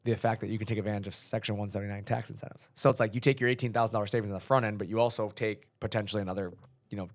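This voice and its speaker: Fast-talking low-voiced podcast host man. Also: dry recording. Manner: relaxed, rambling, frequent fillers and laughs. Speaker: podcast host, company leader. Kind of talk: casual business podcast chat.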